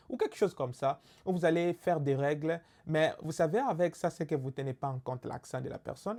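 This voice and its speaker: A man's voice: on the high side, creaky, darkish tone. Man with Congolese French accent explaining patiently. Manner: explanatory, many fillers and rhetorical checks. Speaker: teacher. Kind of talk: recorded lecture.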